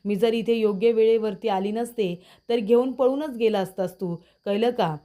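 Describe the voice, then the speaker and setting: A woman voicing a sharp, protective young woman who confronts a thief in the family. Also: on the high side, normal speed, natural voice. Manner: sharp, accusing.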